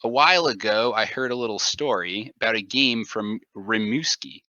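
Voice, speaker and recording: A man's voice: fairly low pitch, moderate pace, sharp tone, dry recording. Young guy podcasting, jokey rambling chat, dry close mic. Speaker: podcast co-host. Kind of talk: casual chat. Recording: dull lo-fi recording.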